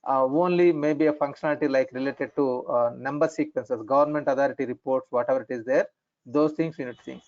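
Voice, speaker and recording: A man with an Indian accent explaining things as an instructor in an online lesson, in halting, repetitive phrasing. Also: medium pitch, fairly even intonation, a little mellow. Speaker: instructor in functional finance consulting. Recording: dull, lo-fi online call audio.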